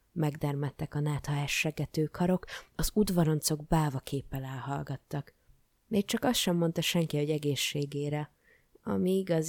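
A woman reading a children's fairy tale aloud in a lively, playful way. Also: sits low, vocal fry, dry recording, clean studio sound. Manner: expressive, playful. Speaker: storybook reader. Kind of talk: lively storybook narration.

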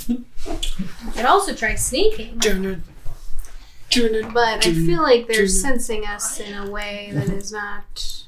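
A woman's voice: medium pitch, slow pace, pauses often, crowd noise. A woman playing a tabletop game, chatting casually with the other players. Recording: noisy distant mic, clicks.

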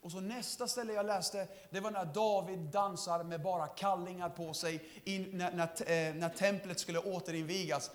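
A young man giving a lively testimony sermon, laughing often and calling out to the congregation. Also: sits high, hardly any pauses. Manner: lively storytelling, laughing often, shouts to the crowd. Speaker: preacher.

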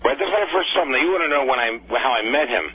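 A man's voice: on the high side, lively intonation, fast. An older man from New Jersey, heard over the phone as a caller on a radio talk show, reminiscing in a hesitant way with many fillers and restarts. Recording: dull phone line with faint hum.

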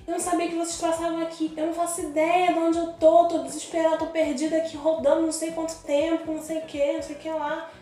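A woman's voice: very high-pitched, level tone, fast, hardly any pauses, warm tone, voice pushed up. A woman doing a frantic, lost old lady. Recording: very echoey room, faint music.

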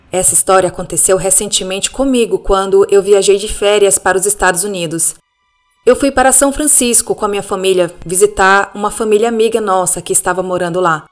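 A woman's voice: mid-range voice, normal speed. Brazilian woman narrating ghost stories. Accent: Brazilian Portuguese. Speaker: podcast narrator reading listener stories. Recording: faint music bed behind the voice.

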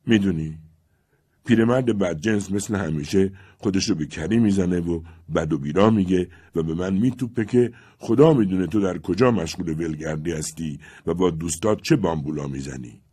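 A man voicing a young Cossack lad who pleads with his sweetheart in a loud, eager voice. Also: deep voice, slightly rough, no echo, clean studio sound. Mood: earnest.

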